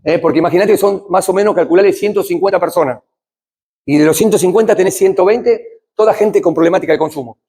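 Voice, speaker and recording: Husky-voiced Argentine man preaching. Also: high voice, fast talker. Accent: Rioplatense Spanish. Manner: conversational, asks the audience questions, swings between loud and hushed. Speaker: addiction recovery speaker. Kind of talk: church talk on addiction.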